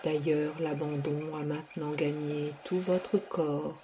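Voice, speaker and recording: A woman with a low voice guides a relaxation session at a very slow, unhurried pace. Her words come soft and stretched, with long pauses between phrases. A steady background noise sits under the recording. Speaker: sophrology guide.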